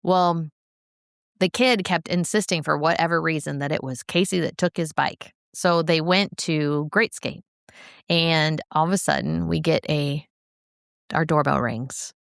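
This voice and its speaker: A middle-aged woman with a low, gravelly voice, chatting casually as a podcast co-host. She tells a story with lively energy, laughs often and slips into the voices of the people she quotes. The sound is dry and close. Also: measured pace, no echo. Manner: animated, laughing, acts out quoted speech.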